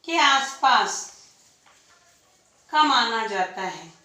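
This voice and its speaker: A woman's voice: fairly high pitch, expressive, extremely slow, bright, forceful tone. A woman teaching an exam-prep lecture, posing questions to the class and answering them herself, repeating key points. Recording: echoey room, distant mic.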